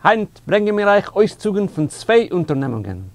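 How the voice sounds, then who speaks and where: A man's voice: high voice, big pitch swings, moderate pace, no room sound. A man co-hosting a casual chat, friendly and asking his partner questions. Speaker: podcast co-host.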